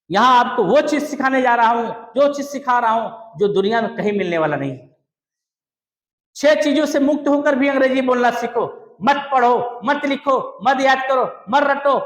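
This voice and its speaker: A male English teacher fires questions at his class and pushes the answers back at them. He is loud and emphatic and often shouts, with a notably high-pitched voice. The sound rings around an echoey classroom. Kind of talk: classroom lesson with call-and-response drilling. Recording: echoey room.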